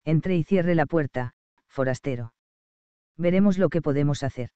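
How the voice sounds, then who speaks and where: A man voicing a gruff, hostile male garage mechanic, in a rough, curt and threatening voice, as an audiobook character. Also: a little high, normal speed, mellow, no echo, dull audio, lightly acted.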